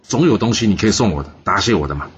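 A man doing a calm, generous ancient king. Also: fairly low pitch, rapid-fire, slightly rough, highs cut off. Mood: easygoing.

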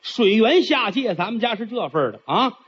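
A fierce old dragon queen, played by a male storyteller who gives brisk orders. Her voice sits higher and carries an indignant edge. A husky tone comes through a dull, lo-fi recording. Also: sing-song, a bit bright, heavily acted. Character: fierce older dragon mother, protective and commanding.

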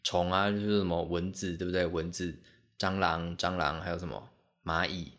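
Deep-voiced man telling stories. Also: moderate pace. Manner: animated, self-mocking, many fillers. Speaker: podcast host. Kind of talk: casual solo storytelling.

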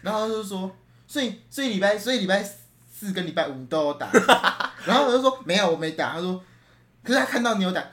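A man's voice: high voice, expressive, fast talker, fairly bright tone. A young man telling a rambling school story in casual chat, restarting often and laughing as he talks.

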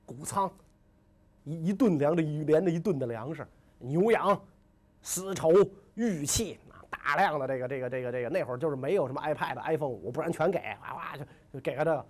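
A man's voice: on the high side, brisk. A man telling ancient history as a comic story, full of jokes and chatty asides. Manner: joking, conversational, full of asides.

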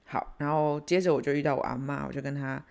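A woman with a Taiwanese accent hosting a casual podcast, retelling a family story in an animated way and switching into Hokkien. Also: low-pitched, quick pace, creaky. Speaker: podcast host.

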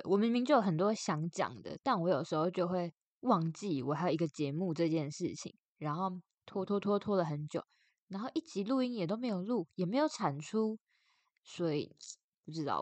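A podcast host, a young adult woman with a Taiwanese accent, carries on a casual solo chat in a voice that sits on the low side. She comes across as expressive and self-deprecating, and her braces make her articulation slightly slurred. The recording is dry.

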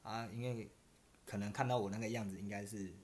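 A man's voice: fairly low pitch, steady tone, a little fast, darkish tone. A man with a Taiwanese Mandarin accent, a podcast host telling a story in casual chat. He rambles, restarts his sentences and laughs at his own tale.

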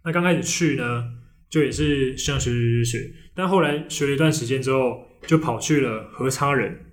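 A man's voice: mid-range voice, normal speed. A man with a Taiwanese Mandarin accent hosting a casual podcast chat, telling stories with frequent restarts and fillers. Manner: hesitant storyteller, many restarts and fillers. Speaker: podcast host.

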